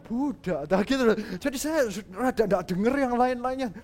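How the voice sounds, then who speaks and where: A male pastor telling a story in a sermon, lively and casual, acting out quoted lines and dropping in English phrases. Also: very high voice, a little fast.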